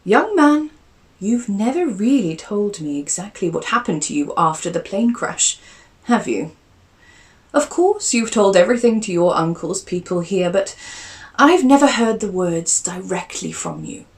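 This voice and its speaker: Recorded a little off-mic and far away, a woman plays a genteel aristocratic aunt, fond and teasing. Her medium-pitched voice is sing-song and slightly slow, with a prim, emphatic delivery.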